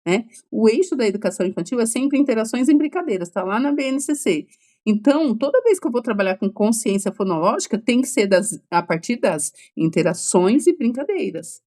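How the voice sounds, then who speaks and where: A woman's voice: on the high side, animated, a little fast, warm tone. A woman with a Brazilian accent teaching an exam-prep lecture in a conversational, explanatory way. She keeps checking in with listeners with "tá?" and "né?". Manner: checks in constantly with "tá?" and "né?".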